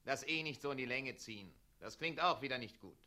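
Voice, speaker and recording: An actor playing a fussy, pedantic town mayor in a radio play, drilling the townsfolk on how to say their lines. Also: male voice, medium pitch, lively intonation, a little fast, sharp tone. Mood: bossy. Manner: bossy and pedantic, coaching others' delivery, then servile.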